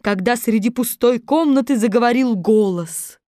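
A woman narrating a children's fairy-tale book in a measured, expressive reading voice. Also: on the high side, no room sound, studio quality. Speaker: audiobook narrator. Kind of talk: scripted storybook narration.

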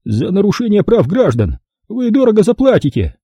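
A man doing a blustering crook who threatens one moment and pleads the next, his voice pitched up and strained. The tone is dark and husky, read close and dry in an audiobook. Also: very animated, moderate pace, dry recording, dull audio, full character voice. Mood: indignant. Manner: shrill, blustering, frightened. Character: panicky indignant middle-aged male photographer.

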